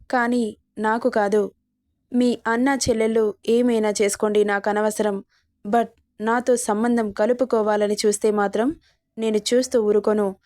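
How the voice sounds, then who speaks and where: A woman's voice: a little high, a little mellow, dry recording, studio quality, lightly acted. A woman reading the lines of a young man who speaks bluntly and defiantly to his relatives and mother in a storybook narration. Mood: cold defiant.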